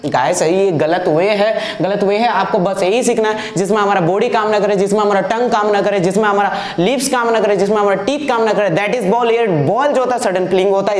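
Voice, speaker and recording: Echoey male teacher drilling pronunciation. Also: high-pitched. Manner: drills pronunciation by repeating words, mixes English into talk; scolding, demanding teacher tone. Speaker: English teacher. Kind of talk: classroom lecture on video.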